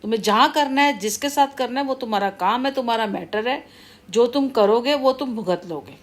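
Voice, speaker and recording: A woman's voice: a little high, brisk. A middle-aged woman talking casually to her viewers, rambling and repeating her warnings in a scolding way. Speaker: vlogger. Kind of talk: casual monologue to camera.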